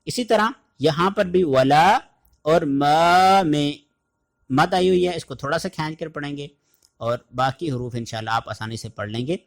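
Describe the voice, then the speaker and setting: The speaker, a man from Pakistan with a fairly high pitch, gives an online lesson on reciting the Quran. After explaining letter sounds, he moves into a slow, lingering chant of the verses.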